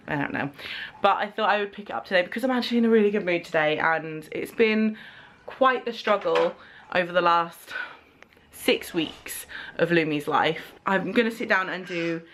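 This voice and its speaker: A woman's voice: on the low side, a bit bright. A woman chats casually to camera as a vlogger and mother, chewing gum as she talks. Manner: talking while chewing gum; breaks off to coo at her baby. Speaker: vlogger and mother of a new baby. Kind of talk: casual vlog chat to camera.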